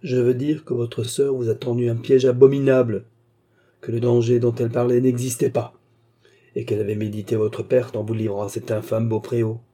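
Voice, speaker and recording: A man reading aloud, voicing a deceitful male kidnapper who speaks to his captive with smooth, insistent politeness. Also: medium pitch, level tone, a little fast, mellow, close to an everyday voice. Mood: insistent, falsely kind.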